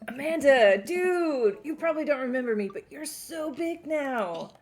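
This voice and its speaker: A woman's voice: high voice, expressive, moderate pace, a little hiss or hum. A woman voicing a laid-back surfer bro dad while reading a dating game aloud, drawling and calling people bro and dude. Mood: easygoing.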